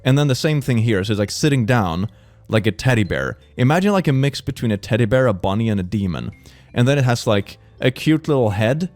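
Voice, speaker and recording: A young man with a Swedish accent streams a mock lecture, rambling and sarcastic. His pitch leaps up and down freely. The sound is dry and close, with faint music underneath. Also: fairly quick, dry recording. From Sweden. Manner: playful, sarcastic, rambling with sudden bursts of excitement. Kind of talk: mock classroom lecture, casual streaming chat.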